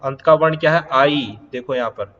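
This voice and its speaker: A man's voice: mid-range voice, fairly bright tone, muffled recording. Man teaching grammar in a reverberant room. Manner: repetitive, checks understanding, drawn-out example lines. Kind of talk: exam-prep grammar lesson.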